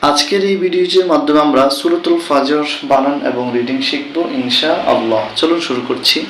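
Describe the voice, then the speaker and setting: A man teaching a Quran reading lesson, spelling out each word and then reciting it slowly in a chanting tone, with quick explanations in between. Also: a little high, fairly bright tone, slight background noise. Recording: echoey room.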